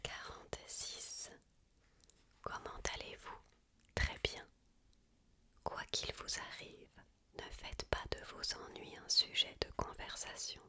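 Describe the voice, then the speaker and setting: Slow whispering woman reading aloud, ASMR. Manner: hushed, unvoiced library whisper throughout. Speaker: ASMR reader.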